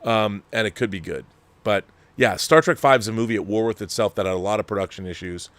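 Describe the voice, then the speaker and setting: A man hosts a casual film discussion show, delivering emphatic, opinionated commentary and reading viewer letters. He rambles, often halting mid-sentence to rephrase. His voice is fairly low with a fairly bright tone, and there's no room sound.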